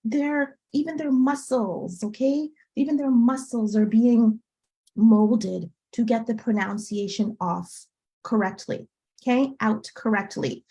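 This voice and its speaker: A woman's voice: on the high side, takes it slowly, mellow, rough recording. Upbeat woman teaching over a video call. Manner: upbeat teacherly, frequent "okay?" check-ins. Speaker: French tutor. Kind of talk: live online class for parents.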